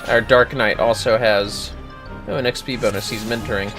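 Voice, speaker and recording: A man hosts a livestream, chatting casually about a game and explaining how to play it while game music runs behind him. His voice sits on the low side, a bit bright, steady in tone and moderate in pace.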